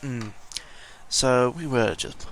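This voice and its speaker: A British vlogger, seventeen, talks slowly in a mid-range, slightly bright voice. His casual audio log wanders hesitantly from tangent to tangent with a little swearing, he seems under the weather, and the home microphone picks up plenty of noise.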